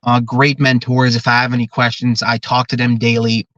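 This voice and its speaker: A man's voice: medium pitch, little pitch movement, normal speed, a bit bright, no echo. Earnest young man, dull dry sound. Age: 20s. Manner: earnest, talkative, explains at length. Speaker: drum corps director. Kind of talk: podcast interview.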